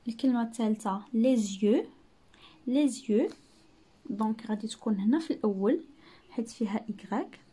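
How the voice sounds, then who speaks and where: A woman teacher with a Moroccan Arabic accent, explaining exercises patiently, repeating words and sounding out French syllables slowly. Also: fairly high pitch, warm tone, husky. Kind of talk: classroom-style lesson narration.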